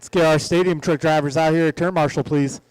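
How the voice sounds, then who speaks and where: A man with a fairly high voice runs the announcing at a hobby race track. He calls lineups and race positions and jokes casually between heats. The sound is dry and close. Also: steady tone, fast, darkish tone, smooth, no room sound, rough recording. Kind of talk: live race commentary. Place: outdoor RC track.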